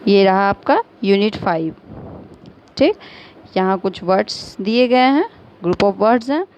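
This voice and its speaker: A female school teacher with an Indian accent gives a recorded online class lesson, mixing Hindi with English and patiently spelling out words letter by letter. Her voice is medium-pitched, slow, and darkish in tone, with lively intonation. The lo-fi audio is slightly dull, with faint noise.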